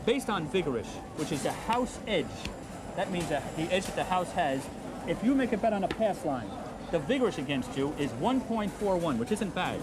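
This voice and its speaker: A man's voice: high voice, sing-song, moderate pace. A man teaching craps odds in an instructional video, patiently drilling the numbers and checking in with "okay?", heard from a worn VHS tape copy. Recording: music underneath, old tape copy.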